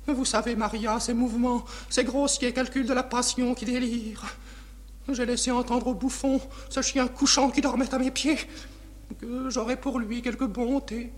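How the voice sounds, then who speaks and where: A woman's voice: on the high side, steady tone, normal speed, natural voice. An actress playing a proud, passionate, anguished noblewoman, declaimed in formal 1950s French radio tragedy style. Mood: wounded, confessional. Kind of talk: 1950s French theatrical radio drama acting.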